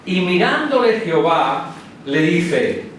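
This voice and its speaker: A man's voice: high voice, big pitch swings, slow pace, fairly bright tone, a little hiss or hum. A man with a Spanish accent preaching a sermon in a church hall, telling the story in a casual, conversational way and acting out the quotes. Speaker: pastor. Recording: very echoey hall, preacher far from mic.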